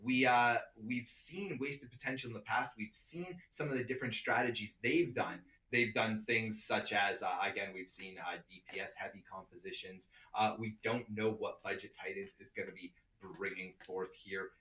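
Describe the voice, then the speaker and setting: A man with a Canadian accent calling an online esports match as caster, chatty and upbeat, laughing often and getting excited on big plays. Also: fairly low pitch, moderate pace, few pauses. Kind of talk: play-by-play esports commentary.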